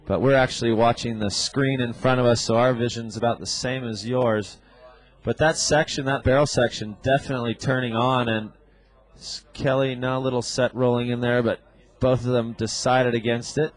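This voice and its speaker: A man's voice: mid-range voice, steady tone, moderate pace, poor audio. A man commentating live on a surf contest as an announcer, in a conversational way with casual surfer slang.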